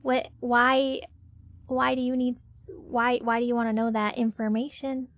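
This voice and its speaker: A woman's voice: on the high side, flat delivery, measured pace. A woman livestreamer chatting casually in a cute anime-streamer manner. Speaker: streamer, VTuber host. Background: faint music.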